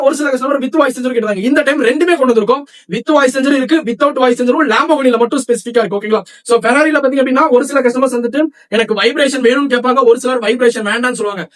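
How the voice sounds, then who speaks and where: A man from Tamil Nadu who runs a shop, chatting rapidly through a product demo and sales pitch and often checking with viewers. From Tamil Nadu, India. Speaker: shop seller presenting products.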